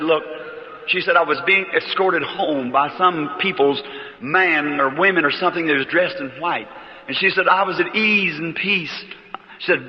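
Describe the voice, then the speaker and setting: A man's voice: on the high side, long reverb tail, muffled recording. A man preaching, telling a personal story in a folksy, emotional way, heard on an old tape recording. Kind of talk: archival sermon storytelling.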